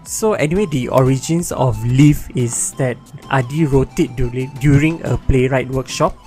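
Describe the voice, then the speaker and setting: A man's voice: mid-range voice, moderate pace, a little mellow, soft background music. A man hosting a podcast in a friendly, casual way, introducing the show and steering his guest with questions. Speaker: podcast host.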